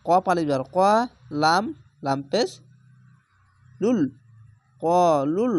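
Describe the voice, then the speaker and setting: A Quran reading teacher giving a slow, patient lesson, spelling out syllables one by one and then blending them into words. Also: mid-range voice, expressive, no room sound. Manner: patient, repeats words slowly for learners.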